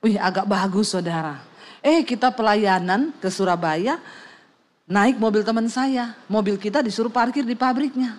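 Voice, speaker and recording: A woman's voice: mid-range voice, normal speed. A middle-aged woman pastor, preaching through a comic personal story and acting out voices and sounds. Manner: lively, acts out voices and sound effects, laughs often.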